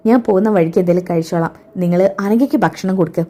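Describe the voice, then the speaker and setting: A woman's voice: on the low side, racing, warm tone, close to an everyday voice. A woman doing a firm determined young friend. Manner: firm, resolute.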